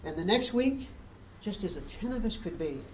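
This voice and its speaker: A man's voice: high-pitched, very animated, normal speed, a little hiss or hum. Earnest male preacher in an echoey hall. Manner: earnest, rising emphatic questions. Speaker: pastor. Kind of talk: sermon. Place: church hall. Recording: distant roomy dull church recording.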